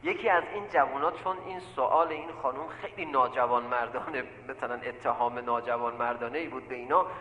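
A man's voice: medium pitch, hardly any pauses, highs cut off. A man preaching a sermon from a pulpit, telling stories and turning to his listeners again and again, repeating phrases for emphasis. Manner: animated, often addresses the listeners directly as "sir". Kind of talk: sermon with storytelling. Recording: echoey hall with long reverb.

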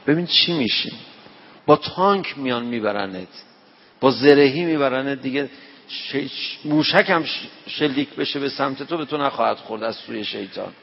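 Gravelly husky preacher with a Tehran accent. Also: male voice, mid-range voice, lively intonation. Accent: Tehran Persian. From Tehran, Iran. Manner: folksy and conversational, acting out dialogue in anecdotes. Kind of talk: night-prayer sermon with storytelling. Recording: echoey dull hall recording.

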